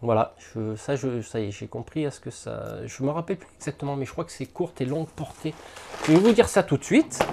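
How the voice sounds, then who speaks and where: A man's voice: medium pitch, a little fast, vocal fry, a little mellow. A man hosting a miniatures hobby channel, casually unboxing and thinking aloud to the camera with lots of hesitant fillers.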